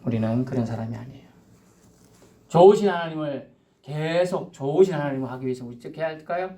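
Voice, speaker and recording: A male pastor delivers a Sunday sermon in a chatty, lively manner. His voice sits somewhat high for a man, and he jumps between plain talk and acted-out asides. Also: quick pace. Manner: conversational, animated, with acted-out asides.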